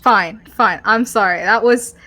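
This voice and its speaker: Animated woman chatting through a game. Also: medium pitch, measured pace. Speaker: co-host playing and voicing a game. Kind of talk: casual playthrough chat.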